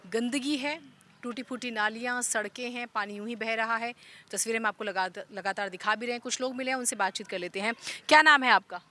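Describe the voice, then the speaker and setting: Woman field reporter, high bright voice, outdoor village interviews. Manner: brisk, direct questioning. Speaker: news reporter.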